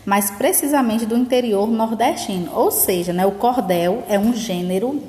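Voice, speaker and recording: A woman's voice: fairly high pitch, normal speed, mellow. Woman teacher, echoey room. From Northeast Brazil. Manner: explanatory, with frequent tag questions. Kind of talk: remote school lesson. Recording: echoey room with long reverb.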